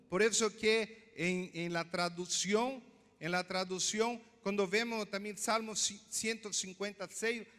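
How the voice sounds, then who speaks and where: A man's voice: sits high, bright, forceful tone. A man pastor preaching a sermon, teaching step by step and asking the congregation questions. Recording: long hall reverb.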